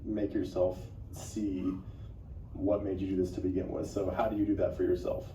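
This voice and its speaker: A man's voice: sits low, level tone, normal speed, dark tone, slight background noise. Joking male interviewer, echoey room. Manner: joking, friendly banter. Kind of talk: casual onstage interview. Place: live event before an audience. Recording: roomy, distant mic with faint ambience.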